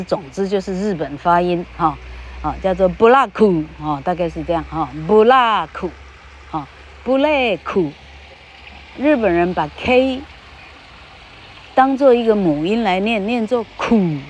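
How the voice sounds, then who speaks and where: A woman gives a casual podcast lesson on English pronunciation, chatting into a podcast microphone, tagging sentences with little fillers and drawing out the example words. Her voice is mid-range and darkish, and the poor audio carries slight background noise.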